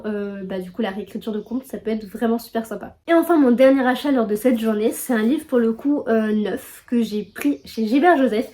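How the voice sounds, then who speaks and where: A young woman from France talks through her book haul in a loose, chatty way, leaning on filler words and poking fun at herself. Her voice sits a little high but sounds soft and mellow rather than bright. It feels like easy talk straight to the viewer. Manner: chatty, lots of filler words, self-deprecating. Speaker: book vlogger. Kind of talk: casual book haul chat.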